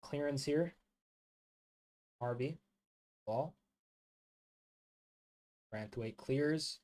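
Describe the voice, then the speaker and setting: Extremely slow and a little mellow, this fairly high male voice belongs to an American hosting a football watchalong. He rambles casually through match commentary and chat, peppering it with "like" and calling people mate and bro.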